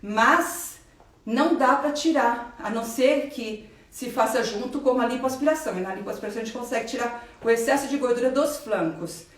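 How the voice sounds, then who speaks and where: Fast-talking Brazilian woman surgeon, roomy echo. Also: a little high. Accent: Brazilian Portuguese. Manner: fast, enthusiastic, explains while pointing and drawing. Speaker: plastic surgeon answering live questions. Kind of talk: live-stream Q&A explanation. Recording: roomy echo, voice a bit far from the mic.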